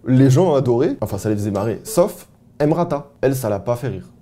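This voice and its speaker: A man from France telling anecdotes to the camera in a casual, animated, self-mocking and slangy way. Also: mid-range voice, fairly quick, soft background music. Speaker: vlogger.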